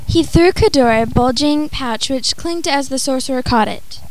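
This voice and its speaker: A woman narrates a storybook tale in a high voice. There is faint noise behind her reading. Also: normal speed.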